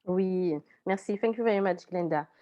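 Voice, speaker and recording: Female panel moderator, dark soft timbre on the lower side, careful questions, muffled online audio. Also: moderate pace. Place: online video call.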